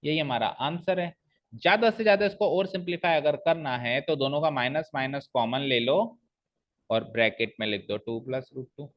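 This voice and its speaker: A man's voice: mid-range voice, highs cut off. Man teaching a maths class. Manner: explains step by step, asks the class questions; reads expressions aloud slowly, stressing the pauses.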